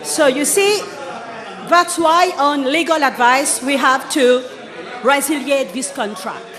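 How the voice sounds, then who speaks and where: Woman, Mauritian accent, parliament speech, formal minister, high pitch, measured slow delivery. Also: a bit bright, a faint crowd. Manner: formal, addresses the Speaker. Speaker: government minister. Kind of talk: parliament speech, answering questions.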